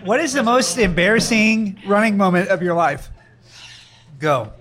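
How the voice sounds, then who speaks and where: High-voiced joking man hosting over loud chatter. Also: expressive, measured pace. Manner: joking, upbeat, laughs often. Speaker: host. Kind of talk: lively group chat at a hot-sauce tasting. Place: busy pizzeria bar, indoors. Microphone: handheld mic passed around. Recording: noisy crowded room. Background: loud crowd chatter.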